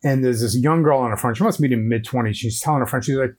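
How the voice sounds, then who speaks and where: A man guest on a podcast, telling a story in a measured, deliberate way over a headset microphone. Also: medium pitch, darkish tone. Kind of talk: casual storytelling chat.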